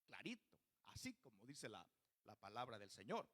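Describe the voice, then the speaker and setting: Lively preaching pastor. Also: male voice, lowish voice, moderate pace. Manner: preaching with questions to the congregation. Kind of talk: sermon. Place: church.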